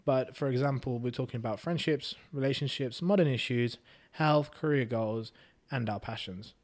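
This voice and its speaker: A man's voice: mid-range voice, normal speed. Wry man co-hosting a podcast. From Hungary. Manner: wry, joking, self-deprecating. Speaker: podcast co-host. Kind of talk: casual chat.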